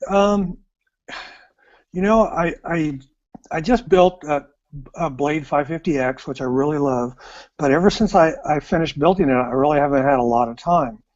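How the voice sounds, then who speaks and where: An American man from the United States, a guest on an online call, chats casually in an easygoing, rambling way. His voice sits on the high side with a darkish tone at normal speed, and the call audio is dull and lo-fi.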